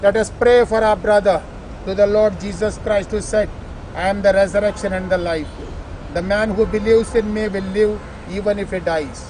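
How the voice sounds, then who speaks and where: A man reciting solemn graveside funeral prayers as a priest, in a measured, formal way. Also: sits high, fairly even intonation, a little mellow. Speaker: priest leading funeral rites. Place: outdoors at a cemetery. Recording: noisy outdoor ambience with traffic.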